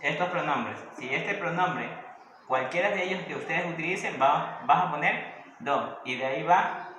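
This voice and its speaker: A man's voice: fairly high pitch, normal speed, pushed and bright. A man teaching a grammar lesson, explaining step by step and often checking in with questions. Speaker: English teacher. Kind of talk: recorded classroom lesson. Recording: echoey room with faint noise.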